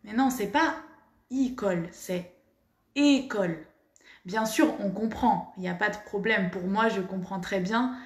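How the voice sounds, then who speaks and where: A woman's voice: medium pitch, moderate pace, echoey room. A woman teaching pronunciation, carefully articulating and repeating each word. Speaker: French teacher. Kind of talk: pronunciation lesson.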